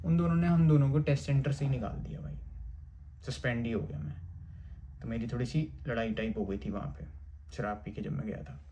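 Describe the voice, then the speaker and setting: A man's voice: medium pitch, steady tone, brisk, highs cut off, noisy background. A young man from India telling a personal story in a casual, chatty way, often calling out "bro" and swearing. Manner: chatty, keeps saying "bhai", swears. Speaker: vlogger.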